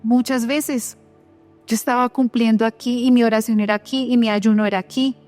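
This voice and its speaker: A woman's voice: on the high side, steady tone, moderate pace, a little mellow, faint music behind. A woman preaching a sermon, telling a personal testimony earnestly and putting rhetorical questions to her listeners.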